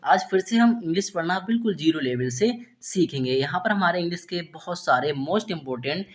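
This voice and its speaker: A man teaching English reading in Hindi, explaining letter sounds slowly and patiently, often asking himself questions and answering them. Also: sits high, animated. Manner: repeats "theek hai" and asks himself questions; slow, patient, step-by-step explaining. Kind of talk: Hindi-language phonics lesson.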